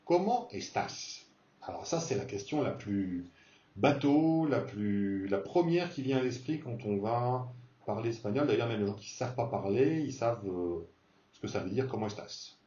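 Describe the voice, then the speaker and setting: A man teaching a beginner Spanish lesson, repeating words slowly to model pronunciation. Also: lowish voice, expressive, warm tone, roomy sound, far from the mic, lo-fi sound.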